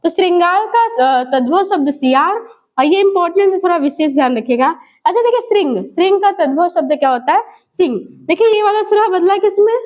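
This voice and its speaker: A woman. She poses questions and answers them herself, drilling key words again and again. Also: very high-pitched. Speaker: Hindi grammar teacher. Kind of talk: classroom lesson.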